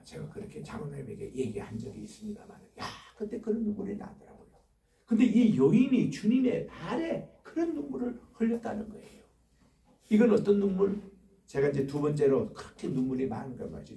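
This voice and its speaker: An older man preaching a sermon, telling personal stories with swings from hushed to loud. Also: sits high, vocal fry. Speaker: pastor. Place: church sanctuary. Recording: echoey church room from far off.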